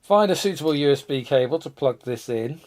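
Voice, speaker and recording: On his live stream, a retro computer channel host with a cold-congested voice rambles and thinks aloud while tinkering with hardware, teasing himself about his disorganisation. The voice is medium-pitched, expressive, brisk and a little mellow.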